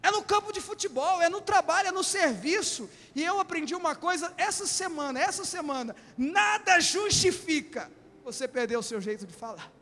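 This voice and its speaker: A man preaching a sermon as a bishop, impassioned and often shouting in a church hall. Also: very high voice, lively intonation, normal speed. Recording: long hall reverb.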